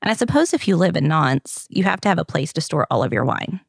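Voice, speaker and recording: Gravelly Southern woman podcast host. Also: sits low, sing-song, quick pace, no echo, clean studio sound. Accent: Southern US, Kentucky. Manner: chatty, upbeat, jokes. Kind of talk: casual scripted narration.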